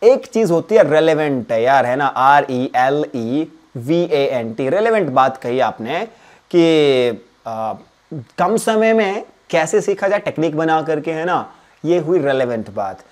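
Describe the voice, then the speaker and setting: A man's voice: fairly high pitch, lively intonation, a little slow. Man teaching spelling, chatty repetitive. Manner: switches between Hindi and English mid-sentence; repeats words and spells them letter by letter. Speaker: English teacher. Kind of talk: exam-prep spelling lesson.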